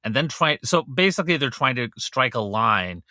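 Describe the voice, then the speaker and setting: A man's voice: medium pitch, big pitch swings, normal speed, pushed and bright, dry recording, clean studio sound. A man co-hosting a podcast in casual chat, joking and rambling with lots of "uh" and restarts. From Canada. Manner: chatty and joking, many fillers and restarts. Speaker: podcast co-host.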